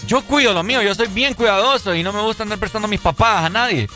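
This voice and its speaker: A man's voice: high voice, fast talker, sharp tone, soft background music. A man co-hosting a radio show in casual, joking banter. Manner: playful, joking, teasing. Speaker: radio co-host.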